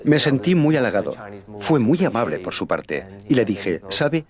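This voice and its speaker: A man's voice: mid-range voice, big pitch swings, normal speed. A man being interviewed, telling a personal anecdote in a storytelling manner. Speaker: interviewee recounting a memory. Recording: crowd noise in the background.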